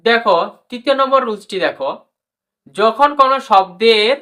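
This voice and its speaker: This English pronunciation teacher has a fairly high voice that sounds pushed and bright, and she talks at a normal speed. Addressing her audience as brother and sister, she spells letters, drills words and restates each rule in a classroom lesson.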